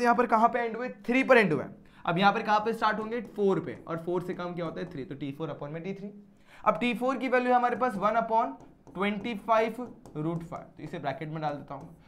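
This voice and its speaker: A man's voice: sits high, brisk, a bit bright. A male maths teacher explaining problems step by step in a classroom lecture, often putting questions to his students.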